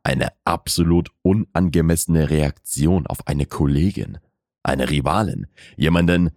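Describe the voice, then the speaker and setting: A man narrating a romance audiobook in a measured, intimate way. His voice is extremely deep and unhurried. The sound is close and dry. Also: a little mellow, no room sound. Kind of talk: scripted narration of a romance novel.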